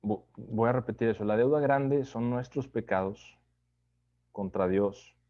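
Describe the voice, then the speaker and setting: In an unhurried, conversational Bible study sermon, a man frequently checks in with his listeners using tag questions. He speaks at medium pitch, and the high frequencies of the audio are cut off.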